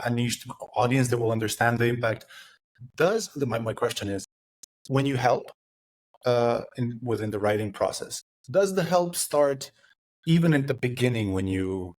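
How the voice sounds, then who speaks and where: Hesitant male podcast host. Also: medium pitch. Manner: hesitant, many filler sounds. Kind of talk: podcast interview.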